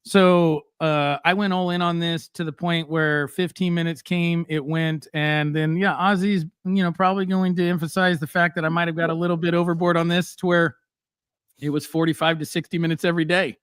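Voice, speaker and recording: On his casual live stream, the middle-aged host talks bluntly and with lots of animation, scattering fillers throughout. His voice is a bit high for a man, fairly quick, a bit bright and smooth, with little pitch movement. The recording is dry and close.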